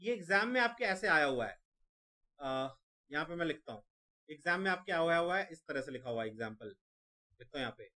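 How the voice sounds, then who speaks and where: A man with a sharp tone and lively intonation, pitched on the high side, leads an exam-prep vocabulary session, slowly repeating words several times and spelling them out letter by letter.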